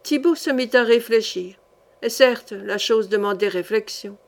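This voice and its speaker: A woman narrating a historical novel as an audiobook, in a measured, clear reading. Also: a little high. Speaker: audiobook reader.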